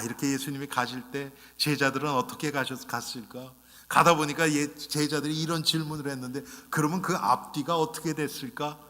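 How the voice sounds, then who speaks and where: Pastor guy preaching, bright pushy voice kinda high, big echoey church hall, keeps asking the congregation stuff. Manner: conversational, often addresses the congregation directly; acts out short quoted lines in a raised voice. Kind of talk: sermon. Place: church sanctuary. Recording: long reverb of a church sanctuary.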